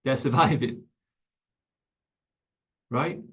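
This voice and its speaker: A man's voice: mid-range voice, extremely slow, fairly bright tone. A man teaching coaches in an online webinar, emphatic and conversational, repeating his key points. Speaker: fitness coach educator.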